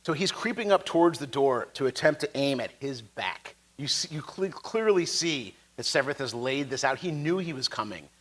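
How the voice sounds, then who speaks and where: A man narrating a tabletop role-playing game as game master, playful and animated, laughing often. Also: mid-range voice, moderate pace, hardly any pauses.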